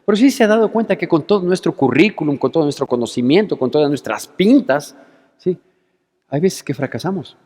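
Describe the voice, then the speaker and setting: A male pastor delivering a sermon in a church, animated and full of rhetorical questions. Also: on the high side, a little fast. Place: church hall. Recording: long church hall reverb.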